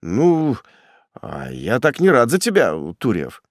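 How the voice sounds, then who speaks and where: A man voicing a grim male executioner who talks down to his prisoner in a cold, sneering, gruff way. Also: medium pitch, wildly swooping pitch, slow pace, dry recording, clean studio sound, heavily acted. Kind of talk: audiobook character voice.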